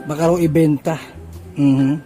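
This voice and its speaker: A man's voice: fairly high pitch, fairly even intonation, a little slow, warm tone, soft background music, poor audio. A man filming a casual vlog, pleading and coaxing an upset elder with repeated questions. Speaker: relative filming and calming grandmother. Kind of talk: casual handheld vlog chat.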